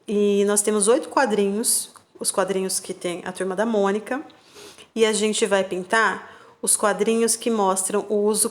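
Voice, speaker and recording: A woman teacher, giving patient, slow remote-class instructions to young children and spelling out syllables. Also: medium pitch. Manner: checks in with "tá bom?" and "combinado?". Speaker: primary school teacher.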